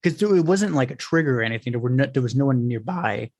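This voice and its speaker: In a dry recording, a young man hosting a podcast talks quickly in a mid-range voice, sharing relaxed anecdotes. He brings quoted people to life by imitating their voices, stumbling through lots of fillers and restarts along the way.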